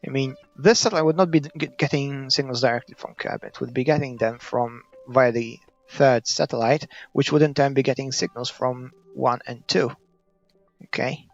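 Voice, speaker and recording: A man's voice: steady tone, moderate pace, soft background music. A man with a Maltese accent giving unscripted gameplay commentary, hesitant and thinking aloud as he goes. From Malta. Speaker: gaming video creator. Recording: muffled, dull low-fidelity audio.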